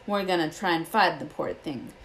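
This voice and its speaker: A woman voicing a gruff but kindly giant male gamekeeper from a storybook, protective and cautious, with rustic, colloquial speech. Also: sits low, normal speed, a little hiss or hum, rough recording. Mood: grave, instructive. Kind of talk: storybook character voice.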